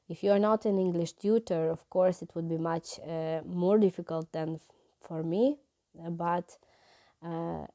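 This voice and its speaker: Hesitant, mellow-voiced woman from Ukraine. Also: lowish voice. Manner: hesitant, many fillers and restarts. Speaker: English teacher and vlogger. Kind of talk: casual vlog talk.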